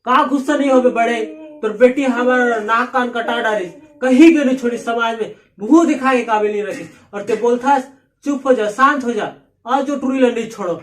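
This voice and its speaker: A man with a Chhattisgarhi accent playing a farmer father in a village drama, loud and scolding. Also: extremely high pitch, normal speed. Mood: furious. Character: angry farmer father of a teenage daughter. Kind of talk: amateur village short drama.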